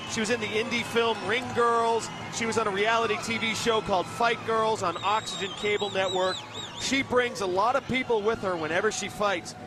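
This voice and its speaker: A man doing energetic play-by-play commentary for a fight broadcast. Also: sits high. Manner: energetic, hyping.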